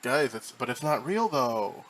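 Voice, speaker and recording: A man's voice: medium pitch, sing-song, measured pace, a bit bright. Male host, casual chat, profane joking rambles, faint noise behind.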